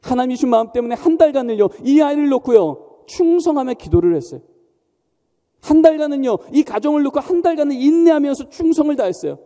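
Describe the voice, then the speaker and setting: A pastor preaches in a large church hall, emphatic and often questioning the congregation. His male voice is very high, warm and sing-song, and he talks fast. Long hall reverb trails behind every phrase.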